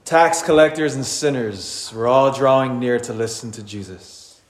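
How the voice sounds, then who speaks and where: Priest reading with cathedral echo. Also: male voice, medium pitch. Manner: measured, unhurried liturgical reading. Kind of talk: reading the Gospel aloud at Mass. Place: large church. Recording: roomy church reverb.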